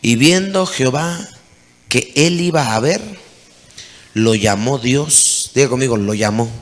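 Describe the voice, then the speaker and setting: A man's voice: medium pitch, a little slow. A man preaching a sermon as pastor, calling out to the congregation with mounting intensity. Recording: long hall reverb.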